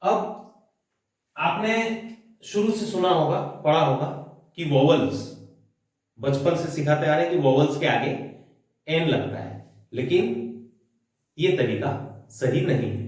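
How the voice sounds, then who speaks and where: High-voiced man teaching in an echoey room. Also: darkish tone, distant mic. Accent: Indian English. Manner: explains step by step, asks the viewer questions. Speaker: English teacher. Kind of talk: whiteboard grammar lesson.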